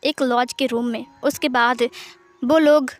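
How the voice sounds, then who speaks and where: A woman's voice: high-pitched, a little slow. A woman casually retelling a fan fiction story, narrating steadily and voicing the dialogue herself. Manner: plain, steady narration that also voices the dialogue lines.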